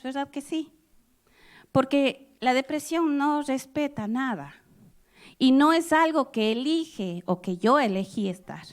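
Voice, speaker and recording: A middle-aged woman delivers a sermon at an unhurried, deliberate pace, her voice sitting on the higher side. She speaks directly and personally to her listeners, asking them questions and acting out the scriptures she reads with sudden bursts of feeling. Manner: expressive, acts out Bible quotes with loud outbursts. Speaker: preacher.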